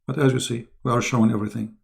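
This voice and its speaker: Hoarse man hosting a live stream. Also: mid-range voice, steady tone, racing. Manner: chatty, keeps clearing his throat and coughing. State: hoarse, losing his voice. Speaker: online debate host. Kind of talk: live-stream talk to viewers.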